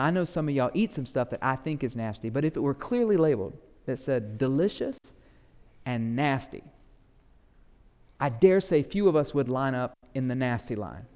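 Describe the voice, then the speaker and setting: A man preaching a sermon as pastor, acting out quoted voices and swinging between loud emphatic lines and hushed ones. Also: mid-range voice, expressive, moderate pace, long reverb tail. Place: church sanctuary.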